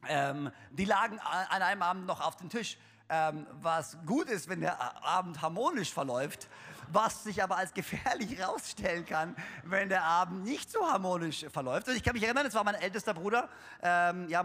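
A young pastor with a high-pitched, pushed, bright voice preaches a funny sermon to his congregation, recorded with long hall reverb in a church hall. He chats and jokes throughout, filling in with lots of fillers and restarting often.

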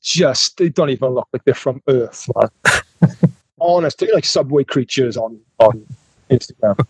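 A man from the United Kingdom co-hosting a podcast, telling stories in casual chat, excitable and laughing often. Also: mid-range voice, a little slow, slightly rough, dry recording, rough recording. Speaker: podcast co-host.

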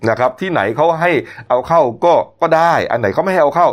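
A man's voice: on the high side, fast, dull audio. A man hosting a news show, commenting on stories in a chatty, opinionated way. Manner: chatty, opinionated, lots of polite particles.

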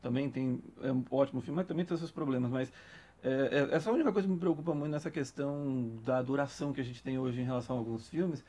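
A man's voice: medium pitch, fast talker, dark tone. A man with a Brazilian Portuguese accent hosting a film podcast, talking thoughtfully and often repeating words as he hesitates. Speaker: podcast host. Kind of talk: casual podcast discussion.

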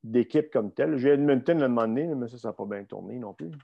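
Speaking fast with vocal fry, a middle-aged Québécois man shares his coaching history as a strength coach guest. The mid-range voice has its highs cut off, and he rambles bluntly and casually, restarting often and using lots of fillers.

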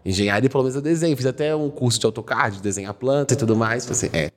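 A young man with a Minas Gerais accent chatting as a podcast guest, telling stories in a lively way and slipping into quick impressions. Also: mid-range voice. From Minas Gerais, Brazil. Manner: lively storyteller, slips into quick impressions of others. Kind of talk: casual chat.

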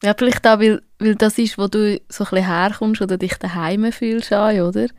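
A woman's voice: mid-range voice, fairly even intonation, a little fast, darkish tone, smooth, no room sound, clean studio sound. A woman co-hosting a podcast, asking curious follow-up questions. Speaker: podcast co-host. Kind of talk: casual interview.

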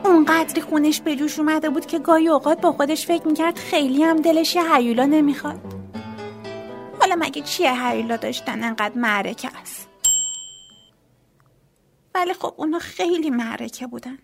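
A woman with a high voice reads a children's storybook aloud. She tells it expressively and lively, with faint music playing softly behind her.

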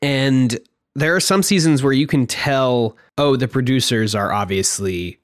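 A laid-back podcast co-host chats casually, often cutting in to agree and laughing a lot. Their voice sits at a middle pitch. The sound is dry and close to the mic. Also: a little slow, no echo. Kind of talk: casual chat.

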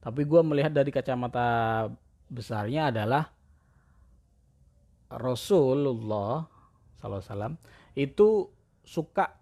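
A man's voice: medium pitch, animated, normal speed, long pauses, mellow. A young man with chatting casually in a self-deprecating monologue. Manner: chatty, slangy, self-deprecating, mimics cat-talk voices.

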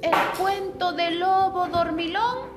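Teacher lady reading a kids story, high lively voice, slow, echoey room with music. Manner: expressive, dramatic read-aloud. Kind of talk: storytelling to children. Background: background music.

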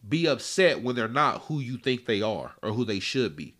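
A man's voice: medium pitch, sing-song, normal speed, a bit bright. A man in his late twenties, a guest in a casual podcast chat, talking in a laid-back, rambling way full of slang and fillers. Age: 20s.

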